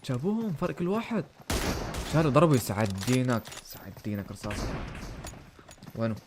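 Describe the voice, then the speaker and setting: A man commentating his own game on a live stream, excitable, shouting at big plays and thanking donors warmly. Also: mid-range voice, fast talker, background noise. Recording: game gunfire and music behind.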